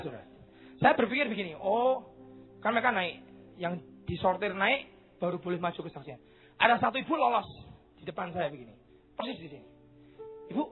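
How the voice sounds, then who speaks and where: Animated tinged pastor, tinny sound. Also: male voice, high-pitched. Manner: animated storytelling, acts out dialogue, shouts at climaxes. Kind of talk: sermon. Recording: tinny phone-like sound with faint music.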